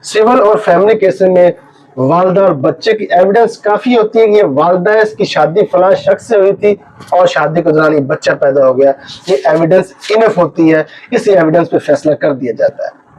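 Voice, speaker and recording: Speaking with a Pakistani accent, an advocate gives an informal legal lecture, explaining and emphatically repeating his key points. His voice is high-pitched and darkish in tone at a moderate pace, and the lo-fi audio is dull and muffled.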